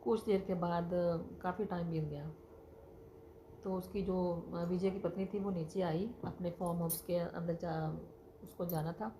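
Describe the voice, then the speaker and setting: A woman telling a family story in a casual, halting way with many restarts. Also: fairly low pitch, fairly even intonation, mellow. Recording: noisy background.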